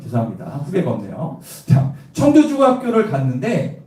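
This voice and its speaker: At normal speed, a lively male pastor with a high voice, from Cheongju, South Korea, preaches an evangelistic sermon inside a church sanctuary. He draws in the congregation with questions and stories from his own life told with humor, captured at a distance amid heavy echo.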